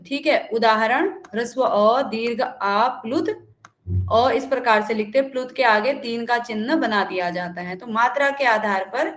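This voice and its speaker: Higher-pitched woman teaching in an echoey room. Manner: explanatory, with frequent fillers and rhetorical questions. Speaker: Sanskrit teacher. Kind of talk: live online exam-prep lesson.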